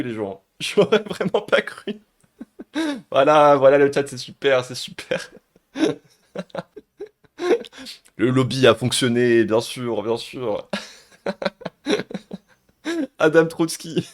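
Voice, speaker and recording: Brief: male streamer, live reaction, excitable, laughs a lot, loose casual swearing. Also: mid-range voice.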